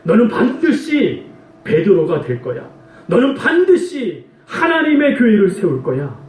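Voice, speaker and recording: A man voicing a gentle, reassuring Jesus, speaking slowly and softly in an echoey room. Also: high-pitched, wildly swooping pitch, slight background noise, heavily acted. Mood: tender.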